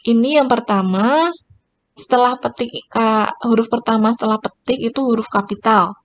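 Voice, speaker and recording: A woman's voice: a little high, moderate pace, a little hiss or hum. Woman teacher explaining grammar. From Indonesia. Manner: explanatory, pointing at examples on screen. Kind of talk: recorded classroom lesson.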